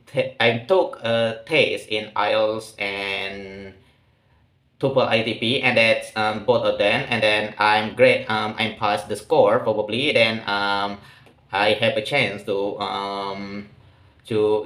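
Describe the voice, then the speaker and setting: A hesitant Indonesian man in his late 20s, whose first language is Malay, gives a casual personal vlog monologue in a halting way, often pausing to find words. His voice is fairly low, fairly even and a bit bright, in an echoey room.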